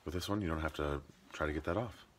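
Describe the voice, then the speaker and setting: A man's voice: extremely low pitch, fast talker. A man in his thirties with a Midwestern American accent, filming himself at arm's length at home as he chats his way through a gift list for his vlog. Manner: chatty and jokey, with plain product talk. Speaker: homestead vlogger. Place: home rooms and a garage, indoors. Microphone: handheld camera at arm's length.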